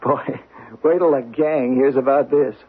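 Tinny radio recording, eager easygoing courier. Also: male voice, mid-range voice, steady tone, measured pace, husky. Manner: casual, hesitant, chatty. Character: eager, easygoing male courier, naive employee. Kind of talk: old radio drama acting.

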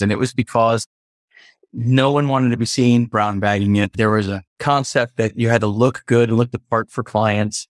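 In a casual podcast interview, a male culture consultant from the East Coast of the United States reflects earnestly and breaks off to add clarifications. He speaks at medium pitch on a dry recording.

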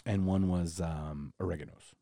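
A man co-hosting a podcast, bantering in a playful, over-the-top way and breaking into high squeals of delight. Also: fairly even intonation, normal speed, gravelly, warm tone, no echo, clean studio sound. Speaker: podcast co-host. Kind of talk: casual banter.

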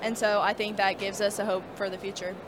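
Young woman from California, flat delivery, hesitant casual answers, noisy outdoor setting. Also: mid-range voice, a little fast. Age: young adult. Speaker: interviewee.

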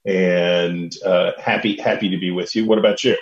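A man's voice: deep voice, fairly even intonation, moderate pace. A man co-hosting a podcast from home in casual chat, his voice sounding as if he is inside a tin can, chatty with fillers and restarts. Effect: sounds like talking inside a tin can. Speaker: podcast co-host. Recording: dull lo-fi remote line, tinny.

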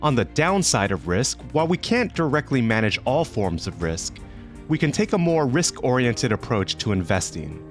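A man's voice: medium pitch, sing-song, moderate pace, faint music behind. A man hosting a podcast with scripted narration. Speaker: podcast host.

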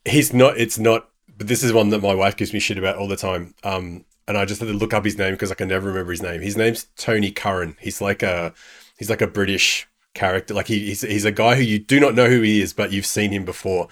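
A man's voice: on the low side, fairly even intonation, fast talker, fairly bright tone. A man co-hosting a podcast, telling rambling self-deprecating stories in casual chat. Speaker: podcast co-host.

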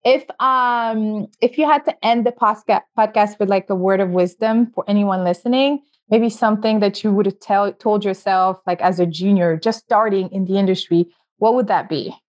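A woman's voice: mid-range voice, normal speed, hardly any pauses, a little mellow, lo-fi sound. A woman hosting a podcast interview, chatty and full of fillers and restarts. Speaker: podcast host. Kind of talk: casual interview chat.

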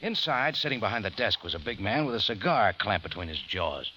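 A wry hard-boiled adventurer. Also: male voice, fairly low pitch, sing-song, fairly quick, bright, forceful tone, a little hiss or hum. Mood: hard-boiled narration. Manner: clipped and wry. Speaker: narrator and lead. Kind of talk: 1950s radio drama acting. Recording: dull old radio broadcast with music.

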